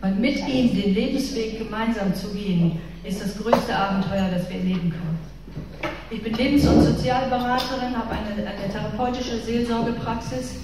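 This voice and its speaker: A middle-aged woman with a northern German accent gives a chatty, informal faith talk to a women's church gathering, addressing listeners directly and personally. Her voice is on the high side at normal speed, recorded from far off in an echoey hall with room noise.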